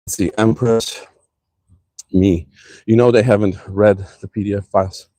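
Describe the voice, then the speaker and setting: A man's voice: on the low side, fairly even intonation, unhurried, warm tone, no room sound. A man with a slight accent, ranting heatedly and profanely in a casual vlog, talking from his car. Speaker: vlogger.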